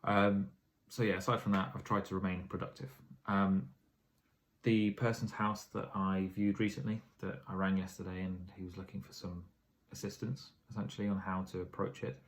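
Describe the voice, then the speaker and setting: Tired, low-voiced man vlogging. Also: flat delivery, normal speed. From England. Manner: rambling, filler-heavy, self-correcting. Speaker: property investor vlogger. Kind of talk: casual vlog update.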